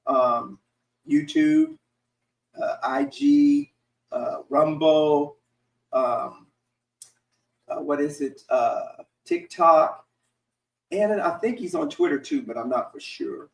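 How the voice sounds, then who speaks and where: Hoarse, raspy man hosting in an echoey room. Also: fairly high pitch, slow, long pauses. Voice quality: raspy, congested. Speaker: host of a panel discussion. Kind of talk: casual live-stream chat. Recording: roomy echo, distant mic.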